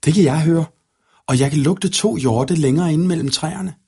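A man's voice: on the high side, a little mellow, breathy edge, pitched above the performer's own voice. Brombær, a man doing an eager wolf-boy. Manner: eager, quick. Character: young elf boy turned wolf, eager and proud.

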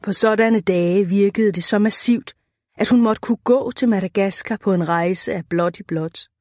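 A woman narrating an audiobook at a measured, even pace, in a middle pitch for a woman. The recording is dry and close, with no room sound at all. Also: dry recording.

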